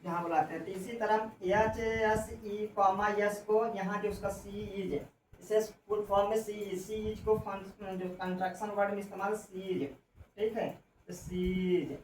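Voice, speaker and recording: A woman's voice: mid-range voice, level tone, distant mic. Woman teacher echoing from off-mic. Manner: explains slowly, spells out letters, repeats "ठीक है". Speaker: English teacher. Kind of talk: classroom lesson on English contractions. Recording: echoey room, voice from off-mic, faint noise.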